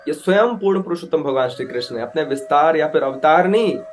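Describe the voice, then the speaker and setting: A man telling a devotional scripture story as a preacher, animated, acting out characters and mixing in English words. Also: fairly high pitch, fast talker, soft background music. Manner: animated storyteller, acts out voices with loud outbursts; mixes English words into Hindi.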